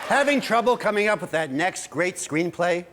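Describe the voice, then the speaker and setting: A roaring studio crowd surrounds a man acting a mock-earnest commercial salesman. He has a high voice and delivers a parody hard-sell pitch. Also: lively intonation, normal speed. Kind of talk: improvised comedy parody commercial. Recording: loud audience noise, live studio show.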